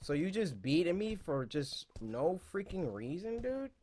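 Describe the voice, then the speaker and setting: A young man giving let's play commentary as a gaming YouTuber, excitable, yelping and shouting at scares, then muttering to himself. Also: a little high, measured pace, noisy background.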